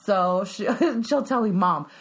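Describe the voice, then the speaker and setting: Laughing, lively-voiced woman podcast host. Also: mid-range voice, normal speed. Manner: laughs often, does playful voices. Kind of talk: casual chat.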